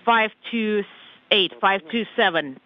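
A man dictates spacecraft readings over a radio transmission in halting, measured phrases. His voice sits high and he takes his time between figures. The sound is muffled and dull. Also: no echo. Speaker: spacecraft docking radio communicator. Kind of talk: technical radio callouts of numbers.

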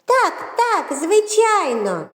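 A woman voicing a cheerful little girl in a cartoon lesson, with a high, sweet childlike tone. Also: huge pitch swings, slow pace, heavily acted. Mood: excited. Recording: roomy echo, faint music behind.

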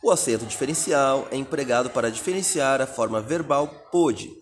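A man's voice: mid-range voice, fairly quick, faint music behind. A Brazilian man teaching a recorded exam-prep lesson, reading out answer options and explaining each one step by step. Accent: Brazilian Portuguese.

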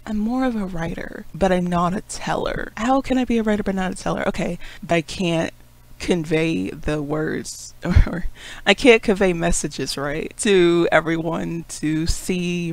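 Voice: mid-range voice, poor audio. A webcomic creator in a casual, rambling vlog monologue, self-critical and laughing often. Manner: calls own rising talk a puppet voice.

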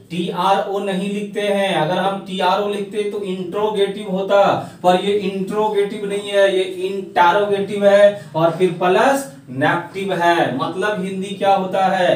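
High-voiced male teacher, echoey. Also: darkish tone. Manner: slow and emphatic, drawing out English words. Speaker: English grammar teacher. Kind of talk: classroom lesson. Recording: echoey room, far from the mic.

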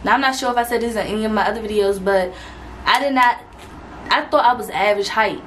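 A woman's voice: mid-range voice, fast talker, fairly bright tone, slight background noise, poor audio. A young adult woman vlogging casually to camera, chatty and rambling, with fillers and restarts, a little out of breath.

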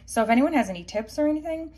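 A young woman with a high, slightly mellow voice chats rapid-fire and with lively intonation as she holds her phone up to film her vegan grocery haul at home. She rambles casually, full of fillers and asides, and the recording carries noticeable background noise.

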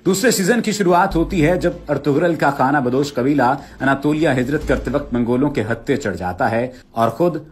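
A man narrating a summary of a TV drama in a measured, formal storytelling manner. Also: mid-range voice. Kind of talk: read narration.

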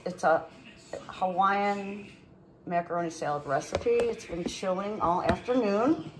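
While grilling on an outdoor deck by a lake, a home cook films herself on a handheld phone for a casual cooking vlog. She's chatty and unhurried, full of rambling asides, in a mid-range voice. The recording is rough, with slight background noise.

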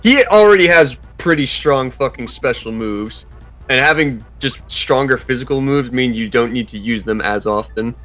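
A man's voice: medium pitch, moderate pace, few pauses, a bit bright, rough recording. A man giving casual, sweary video game commentary as he advises the player in an instructive way. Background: video game music.

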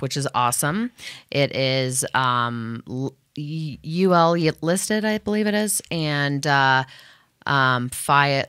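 A woman's voice: low-pitched, pushed and bright, smooth, no room sound, studio quality. A woman radio host thanking her sponsors in a loose, rambling chat full of fillers and restarts. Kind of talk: casual thank-you to sponsors.

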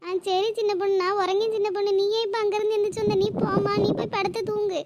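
A woman voicing a caring elder sister-figure in a cartoon, who coaxes and scolds with a very high, squeaky voice. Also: flat delivery, fast, heavy background noise. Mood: coaxing, fussing. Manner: fussing, coaxing, motherly scolding. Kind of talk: cartoon voice acting.

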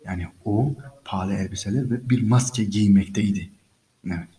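Man, English teacher, reads a story line by line, explains each line, somewhat low voice. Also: moderate pace, dark tone, rough recording. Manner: repeats phrases and explains each line patiently; addresses listeners as friends. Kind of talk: reading an English story aloud and translating it line by line.

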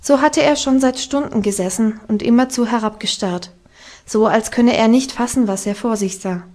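A woman narrating a classic children's novel as an audiobook, with calm, even storytelling. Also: fairly high pitch, moderate pace. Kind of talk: scripted narration.

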